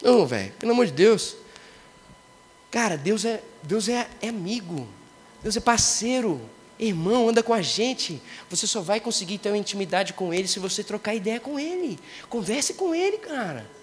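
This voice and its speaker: A young man preaching to a youth congress, slangy and excitable, acting out prayers in street talk. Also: high-pitched, moderate pace, a little hiss or hum. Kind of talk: energetic youth sermon. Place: large congress hall. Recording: reverberant hall sound.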